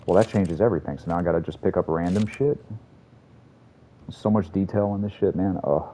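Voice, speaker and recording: A man's voice: low voice, fairly quick, warm tone, a little hiss or hum. A man streaming a video game, rambling and swearing casually as he talks to his chat. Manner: rambling, profane, chatty. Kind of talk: casual gameplay commentary to a live chat.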